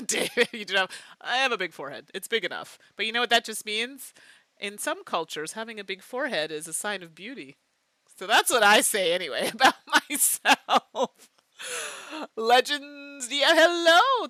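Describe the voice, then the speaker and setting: A woman streaming a mystery game live, chatting with her viewers and laughing often in an animated way. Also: a little high, moderate pace, dry recording. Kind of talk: live game playthrough chat.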